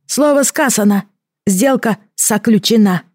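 A woman reading an audiobook, voicing a small, bony male water creature with a bubbling voice and odd, halting speech. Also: fairly high pitch, a little mellow, no echo, studio quality, pitched above the performer's own voice. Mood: triumphant. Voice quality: gurgling. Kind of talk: audiobook character voice.

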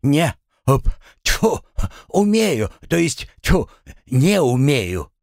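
A man's voice: medium pitch, big pitch swings, measured pace, no echo, clean studio sound, voice pushed up. A man doing a grumbling drowned spirit. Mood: flustered. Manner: complaining, exasperated. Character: drowned man's spirit, grumbling, self-pitying, wry. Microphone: close studio mic.

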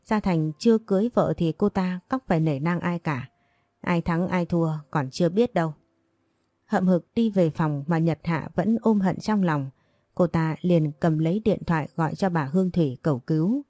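A woman's voice: fairly low pitch, moderate pace, dark tone, no echo. A woman narrating a romance story, reading all the parts in much the same voice.

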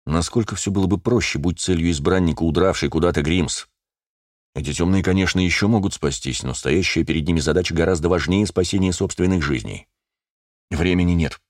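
A man narrating a first-person fantasy audiobook in a measured, steady manner. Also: sits low, no room sound, studio quality.

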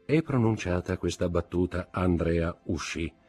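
A man giving an expressive, dramatic reading of a classic novel. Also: sits low, moderate pace, slightly rough, soft background music. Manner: expressive, varied delivery. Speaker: audiobook reader.

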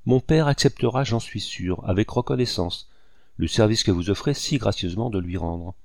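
An eager, admiring young woman voiced by a man reading aloud speaks warmly to her guest. The reader keeps his own deep, gravelly voice. The audiobook recording is dry. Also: moderate pace, no room sound.

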